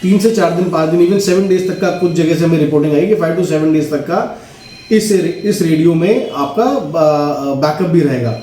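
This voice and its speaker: Speaking at a normal speed in a mellow, fairly high voice, an Indian-accented man explains a product in a relaxed instructional demo. He keeps checking in with tag questions. Slight background noise, faint music and a roomy echo color the recording.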